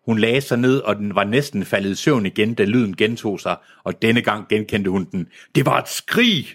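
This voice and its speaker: Low-voiced man reading a novel aloud. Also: husky. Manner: reads a novel aloud with self-mocking asides and stumbles. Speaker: reader. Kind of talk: casual read-aloud of a novel.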